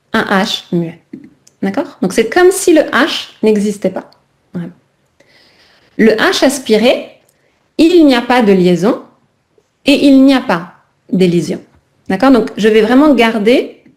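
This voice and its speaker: A woman teaching a French class over a video call, pausing often to check that students follow. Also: medium pitch, a little mellow. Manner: keeps checking in with "d'accord?".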